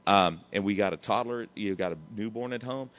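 A man's voice: lowish voice, fairly quick, fairly bright tone. A man, sharing his recovery story in a candid, emotional, rambling way, often saying "man" and swearing casually. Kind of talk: candid personal testimony.

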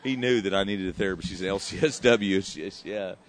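Speaking quickly in a low-pitched voice, a man rambles through his recovery story with candor and emotion, often saying "man" and cursing casually. There's slight background noise behind this personal testimony.

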